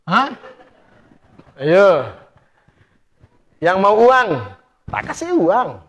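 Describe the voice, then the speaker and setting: A male preacher giving a lively, playful premarital class sermon, addressing the audience directly and testing them with questions. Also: high-pitched, very slow, highs cut off. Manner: animated, playful, acts out couple dialogue in hushed voices.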